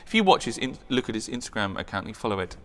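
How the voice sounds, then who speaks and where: A man's voice: lowish voice, sing-song, racing, fairly bright tone. Enthusiastic man in a reverberant room. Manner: enthusiastic, rambling, with many restarts. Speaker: co-host reviewing perfumes. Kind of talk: casual chat.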